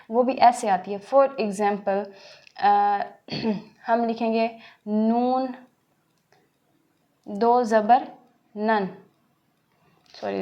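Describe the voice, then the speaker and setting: A woman's voice: medium pitch, mellow, muffled recording. A woman teaching a recorded tajweed lesson, patient, repeating key points and answering her own questions. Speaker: Quran teacher.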